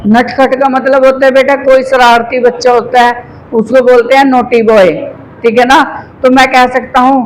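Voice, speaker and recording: High-voiced Hindi-speaking male English teacher. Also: level tone, normal speed, slight background noise, rough recording. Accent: Haryanvi Hindi. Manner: coaching students, calls them beta. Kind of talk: classroom lesson. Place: classroom.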